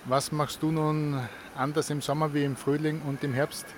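Male street reporter, high and monotone, quick questions, light traffic noise. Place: outdoors on a riverside promenade.

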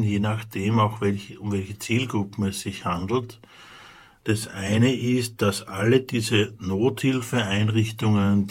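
A man with an Austrian accent, a charity official, explaining in a measured way with frequent hesitations. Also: on the low side. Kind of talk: radio interview answers.

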